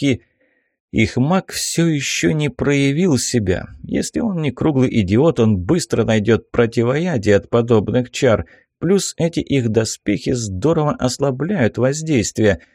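Man voicing a smug mage, sardonic, lively intonation, dry audiobook sound. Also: medium pitch, a little slow, dry recording.

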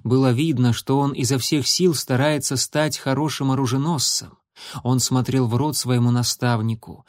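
A man narrating a children's animal adventure in a steady, measured reading. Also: mid-range voice, dry recording, clean studio sound. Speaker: audiobook narrator. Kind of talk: scripted storybook narration.

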